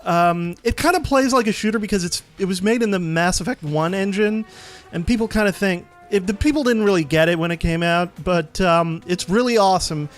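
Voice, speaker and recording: A man with a high-sitting voice offers casual gameplay commentary as a let's play host, talking fairly quickly. His explanations ramble and hesitate, with game menu music in the background.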